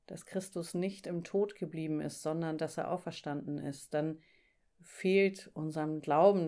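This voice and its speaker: Slow, low-voiced woman leading a devotion. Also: dark tone. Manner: solemn, measured, deliberate phrasing. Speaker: church devotion leader. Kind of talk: devotional sermon with readings.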